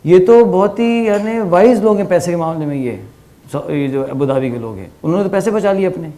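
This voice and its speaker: Mellow-voiced man teaching a conversational lecture. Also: high voice. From Pakistan. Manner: animated storytelling with rhetorical questions and English phrases.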